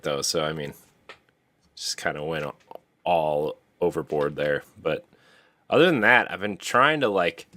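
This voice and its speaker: A man co-hosting a podcast in a casual, playful, joking way. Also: low voice. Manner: playful, jokey, lively. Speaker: podcast co-host. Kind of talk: casual chat.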